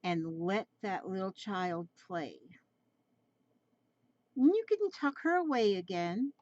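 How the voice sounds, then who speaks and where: Seventies woman, drawing tutorial host, rambling coaxing chat, unhurried, dry close recording. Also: mid-range voice, lively intonation, no room sound, dull audio. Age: 70s. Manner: rambling, repeats phrases, gently coaxing. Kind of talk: relaxed chatty drawing tutorial.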